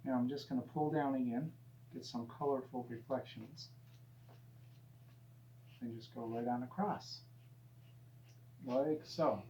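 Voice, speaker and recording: A man teaching painting in a gentle, easygoing, encouraging way, casually talking through each step as he demonstrates. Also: mid-range voice, steady tone, measured pace, long pauses. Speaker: painting instructor. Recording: dull, roomy sound with faint hum.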